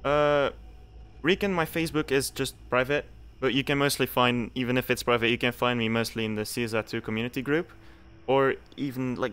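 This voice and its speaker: A young Belgian game streamer chats casually through a live stream, repeating himself and reading game text out loud. His voice is mid-range with a fairly bright tone, and there's slight background noise.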